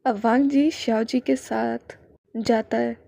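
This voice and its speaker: A woman storyteller reading a fan story aloud in a steady, plain narration. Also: on the high side, slow pace, gravelly, no room sound.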